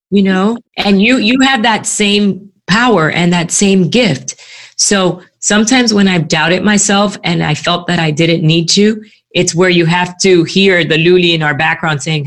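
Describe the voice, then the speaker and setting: A woman guesting on a podcast, talking in a warm, reflective and candid way in casual conversation. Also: fairly low pitch, a little slow.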